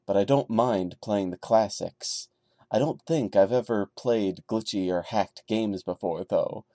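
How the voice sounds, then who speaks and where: Reading a horror story with dramatic flair, this male podcast host keeps interrupting himself with jokey, wry, chatty commentary. His voice sits lowish with a dark tone, and there's no echo on the recording.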